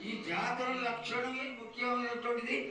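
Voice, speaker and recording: Very high-pitched pleading male priest, echoing. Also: little pitch movement, moderate pace, crowd noise. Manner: pleading, formal, addressing a mother goddess. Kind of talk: reverent ritual petition. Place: festival ritual before an audience. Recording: very echoey, distant, faintly noisy live sound.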